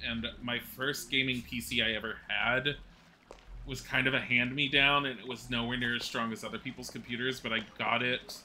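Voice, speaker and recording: A man in his forties streams and chats casually with viewers while he plays, rambling and laughing at his own mishaps. His voice sits at a medium pitch and sounds bright and forceful, with slight background noise.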